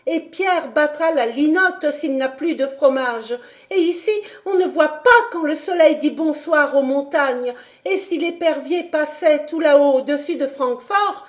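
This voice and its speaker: A woman's voice: high-pitched, pitched above the performer's own voice. A woman voicing a homesick little mountain girl in an audiobook, earnest and pleading.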